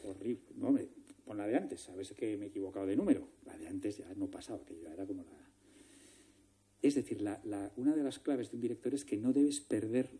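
A Spanish man who directs films, giving a public talk and telling lively anecdotes, acting out the dialogue in quick put-on voices. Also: on the low side, husky. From Galicia, Spain. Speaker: film director.

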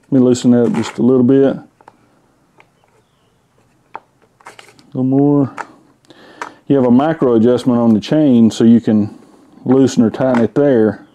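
A man in his fifties talks through a tool in his home garage, his voice mellow and warm. He rambles in an easygoing, folksy way, pausing on fillers as he goes. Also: mid-range voice, steady tone, slight background noise. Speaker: tool reviewer. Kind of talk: casual product review. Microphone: camera-mounted mic.

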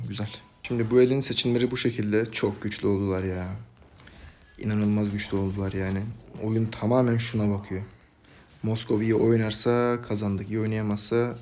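A young man commentating his own gameplay for a video, swinging from calm play-by-play to frustrated outbursts at his teammates. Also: lowish voice, slight background noise. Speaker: gaming YouTuber.

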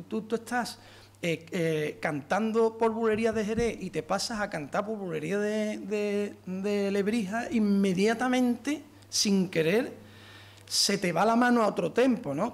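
Guy giving a talk, high-ish voice with a gravelly edge, counts out beats as he goes. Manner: animated, counts out rhythms and taps beats aloud. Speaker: journalist giving a lecture. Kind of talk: lecture to a live audience.

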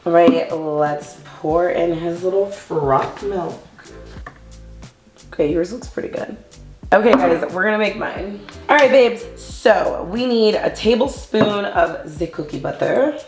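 Sweet-talking viewers as babes and honey, a young woman records a chatty, bubbly kitchen vlog about her lifestyle, speaking straight to camera. Her voice is on the low side and slow, and the kitchen echoes over quiet music.

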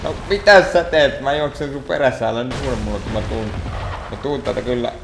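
Man, let's play commentary, mid pitch, exasperated grumbling, faint music behind. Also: creaky. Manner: mutters and grumbles at the game, exasperated. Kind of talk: gameplay commentary. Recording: echoey room.

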